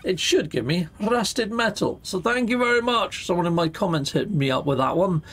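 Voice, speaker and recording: Animated, high-pitched man chatting on stream. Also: normal speed, husky. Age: middle-aged. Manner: exuberant, peppered with playful catchphrases. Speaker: YouTube gaming host. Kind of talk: casual gaming stream chat. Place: indoor home streaming setup, seated.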